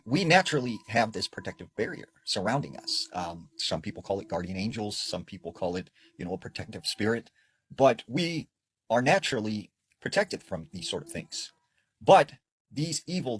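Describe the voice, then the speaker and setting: A man telling a spooky story in a casual, earnest way, swelling up and then dropping to a hush. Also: medium pitch, slightly rough.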